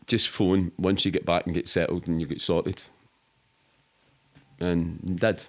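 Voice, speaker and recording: A middle-aged man from the Glasgow area, speaking with a Scottish accent, tells casual, animated anecdotes as a guest on a podcast. He's colloquial and sweary and acts out what people said. His voice is low with a level tone, and he talks a little slowly.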